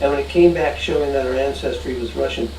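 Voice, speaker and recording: A man, a guest in a casual group chat, telling a story with dry humor and hesitant pauses. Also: mid-range voice, a little mellow, roomy sound, far from the mic, slight background noise, low-quality recording. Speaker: guest, communication expert.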